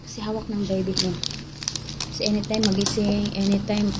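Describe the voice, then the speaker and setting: A woman's voice: mid-range voice, level tone, a little fast. Rambling joking mother in a noisy room. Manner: rambling, joking, self-mocking, mixing in English. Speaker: mother vlogging with her baby. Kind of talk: casual chat to camera. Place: rural home in the mountains. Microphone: camera facing her. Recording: loud background noise.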